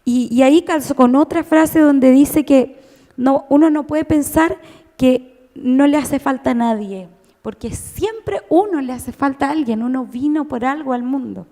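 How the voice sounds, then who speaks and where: A Chilean woman in her thirties telling her own story at a conference, emotional and animated, with many restarts. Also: high voice, unhurried. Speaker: conference speaker. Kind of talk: personal testimony talk. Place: church. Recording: long reverb of a church hall.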